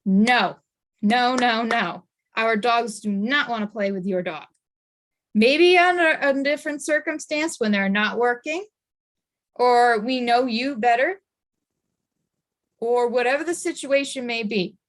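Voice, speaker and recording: A woman's voice: on the high side, measured pace. A young woman who uses a guide dog, giving an informal talk and repeating her warnings emphatically.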